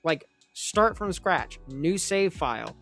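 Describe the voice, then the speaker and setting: A young man talking casually in a review vlog, rambling with animated asides and quick jokes. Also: fairly high pitch. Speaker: manga reviewer. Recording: faint music underneath.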